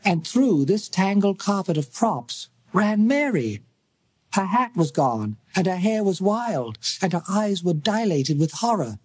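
Husky British male audiobook narrator. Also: sits high, very animated, darkish tone. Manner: measured, dramatic storytelling. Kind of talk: scripted narration.

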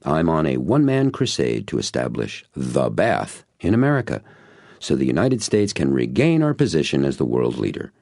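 A man's voice: very deep voice, huge pitch swings, normal speed, gravelly, a little mellow, no room sound, clean studio sound, full character voice. A man voicing an earnest, emphatic male mentor in network marketing.

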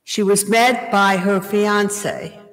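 An older woman preaching a sermon from a church pulpit, telling a story at a deliberate pace. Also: medium pitch, steady tone. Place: small church, indoors, at a pulpit. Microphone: gooseneck pulpit mic. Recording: long church reverb. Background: reverberant church hall.

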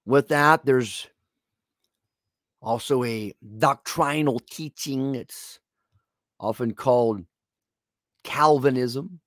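A man's voice: mid-range voice, takes it slowly, long pauses, a bit bright, dry recording, clean studio sound. A man preaching a televised sermon, speaking straight to the viewer in an earnest, pleading way.

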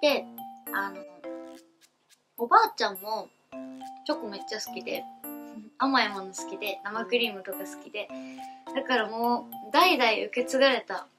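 A young woman in her late teens with a Kansai accent, a newcomer voice actress chatting in a relaxed, giggly, rambling way for her first vlog. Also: a little high, moderate pace, pauses often, over music. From Kansai, Japan. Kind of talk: casual self-introduction vlog.

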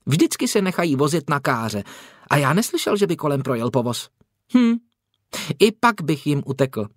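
A man's voice: fairly high pitch, sing-song, no room sound, clean studio sound. A man voicing a proud, wary teenage heir who talks in a brusque, growling way, for an audiobook. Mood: scornful. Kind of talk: audiobook character voice.

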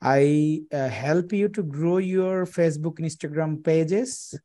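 This is a video call sales pitch: a Bangladeshi man, working as a freelance digital marketer, speaks warmly to a client through a headset. He is in a small room indoors and keeps stumbling, restarting sentences and dropping in fillers.

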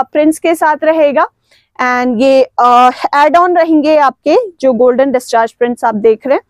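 A woman's voice: sits high, no echo. A woman from Uttarakhand chattily presenting clothing for sale, mixing Hindi and English with frequent fillers. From Uttarakhand, India. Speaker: clothing seller. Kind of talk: product showcase.

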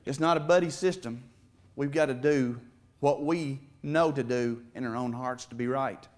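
Captured by a far-off camera in a church sanctuary with a stage, a middle-aged man gives an emotional sermon testimony full of emphatic swells. His voice is mid-range and his pace moderate.

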